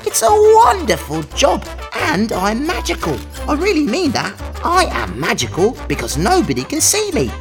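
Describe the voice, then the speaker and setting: Overbright, wildly animated magical mouse. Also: female voice, high-pitched, moderate pace, hardly any pauses, music in the background. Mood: cheerful. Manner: overbright kids' party host, exclaiming and giggling. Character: Perez, a magical tooth-collecting mouse, gleeful and boastful. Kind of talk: children's storytelling for a listening exercise.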